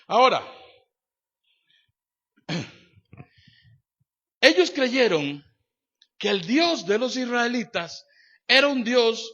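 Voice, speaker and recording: A man preaching a sermon as pastor, emphatic and repetitive, swinging between loud declarations and quiet asides, speaking straight to the congregation with rhetorical questions. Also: very high voice. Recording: dull lo-fi church sermon recording.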